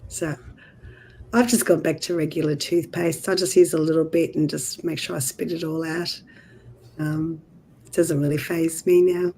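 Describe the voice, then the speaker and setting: A woman co-hosting a casual livestream chat, hoarse from a cold with her voice nearly gone, speaking in an easygoing way. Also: sits low, steady tone, moderate pace, dark tone, poor audio. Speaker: livestream co-host.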